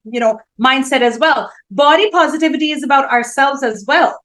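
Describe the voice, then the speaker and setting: Woman co-host, high-pitched, lively storyteller, casual chat. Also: a little fast, low-quality recording. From India. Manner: animated, storytelling, emphatic. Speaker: talk show co-host.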